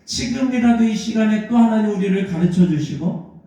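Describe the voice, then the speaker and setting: A man's voice: sits high, expressive, moderate pace, dark tone. A male pastor preaching a Sunday sermon in a church, telling the story and acting out the lines of the figures in it. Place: church sanctuary. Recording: echoey church hall.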